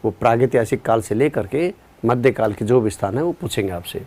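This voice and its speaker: Tired after a long day, a male teacher leads a live online exam-prep class, explaining things at an easy, unhurried pace. He quizzes his students and replies to their chat messages, speaking at a medium pitch.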